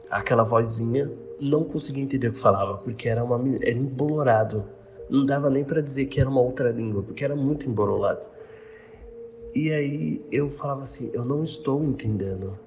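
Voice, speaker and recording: A young man with a Brazilian Portuguese accent recounting a personal experience in casual first person, retelling conversations with halting restarts. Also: mid-range voice. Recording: noisy background ambience.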